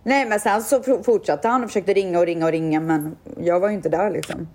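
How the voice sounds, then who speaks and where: A woman's voice: fairly low pitch, a little hiss or hum. Chatty young woman telling a story. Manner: chatty, animated retelling with quoted voices. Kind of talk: casual chat, storytelling.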